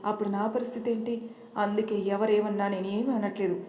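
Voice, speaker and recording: A woman's voice: medium pitch, level tone, brisk, natural voice. Woman playing a meek, anxious young wife. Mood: worried. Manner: soft, doubtful. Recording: roomy echo.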